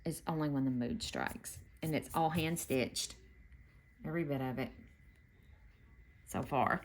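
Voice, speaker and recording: In her home sewing room, a middle-aged quilting host talks in a low voice at a measured pace, explaining a quilting block as she works. Her manner is chatty and folksy, and there's a little hiss or hum on the recording.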